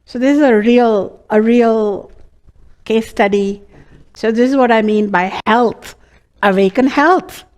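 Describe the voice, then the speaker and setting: Speaking slowly in a fairly high, slightly mellow voice, a woman with an Indian accent teaches Ayurveda. She tells her students a case study in an earnest manner, sprinkling in many fillers.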